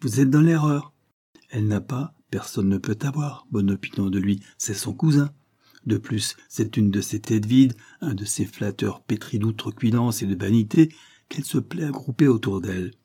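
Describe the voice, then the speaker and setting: A man voicing a stern, blunt older earl who questions pointedly, in a husky voice. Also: fairly low pitch, moderate pace, dark tone. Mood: stern, probing. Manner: pointed, questioning, rising emphasis.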